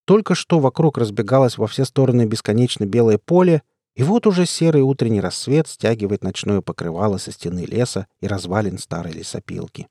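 A man narrating an audiobook in the first person, telling the story in a steady way. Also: on the low side, fairly quick, no echo, studio quality. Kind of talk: scripted narration.

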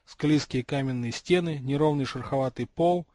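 A man reading a fantasy audiobook aloud, with steady, expressive storytelling. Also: medium pitch, moderate pace, no room sound. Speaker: audiobook reader. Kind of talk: audiobook narration.

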